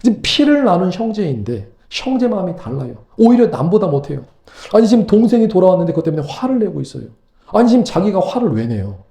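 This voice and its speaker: A man preaching a sermon as pastor, animated and full of rhetorical questions. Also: high voice, quick pace, vocal fry, echoey room. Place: church sanctuary.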